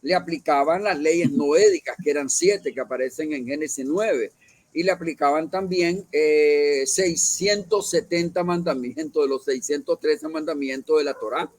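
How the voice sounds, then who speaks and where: A man's voice: on the high side, moderate pace, dry recording. A man leading a Bible study, explaining at length, with many fillers and self-corrections. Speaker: church leader.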